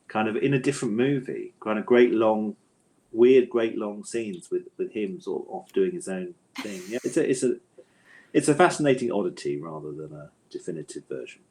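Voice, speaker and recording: A male author, his voice fairly low and darkish, is a guest in a relaxed literary interview. His talk is hesitant and digressive, thoughtful in phrasing, and he keeps adding tag questions as he works through his thoughts.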